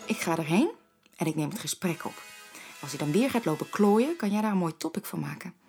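A woman in her thirties, a mother, speaking in film dialogue in a lively manner that turns indignant easily. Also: on the low side, soft background music. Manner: lively, quick to get indignant. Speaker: mother and voice actress.

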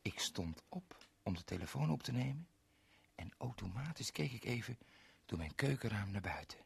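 A man reading a first-person children's story aloud, playful, dropping to whispers and rising to loud exclamations. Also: fairly low pitch, very animated, moderate pace, vocal fry, slightly rough, dry recording.

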